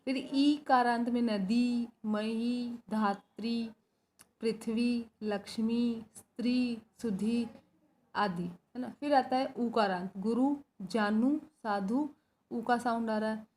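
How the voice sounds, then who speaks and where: In this recorded school lesson, a female teacher works through the material step by step, posing questions and answering them herself while often adding "right?" or "है ना" to check comprehension. She speaks slowly in a fairly high, steady, slightly mellow voice.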